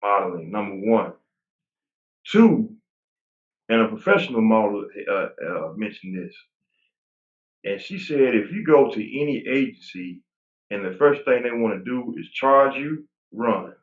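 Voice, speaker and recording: Over a tinny, phone-like line with roomy echo, a man in his forties speaks low and unhurried, leaving long pauses. He's a guest bodybuilder in a casual interview, relaxed and rambling, often starting over.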